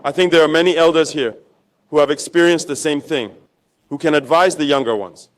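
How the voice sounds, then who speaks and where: A man's voice: on the high side, brisk. A man giving a rallying political speech to troops as a military leader, exhorting them with repetition and rhetorical questions.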